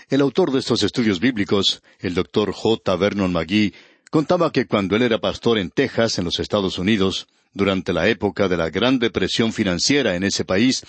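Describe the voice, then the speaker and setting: A man's voice: on the low side, dry recording. A man teaching a scripted radio Bible study, speaking earnestly and directly to the listener. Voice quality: husky.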